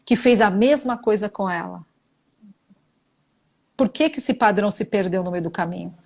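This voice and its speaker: A woman's voice: mid-range voice, normal speed, creaky. A middle-aged woman, a psychologist, giving blunt, emphatic relationship advice in a live talk, repeating her key points with religious framing. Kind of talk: live advice talk answering viewer questions.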